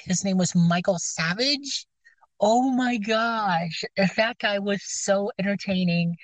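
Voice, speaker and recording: This dry recording captures a woman with a scratchy mid-range voice making casual chat outdoors near her car. She rambles hesitantly, using many fillers and often restarting.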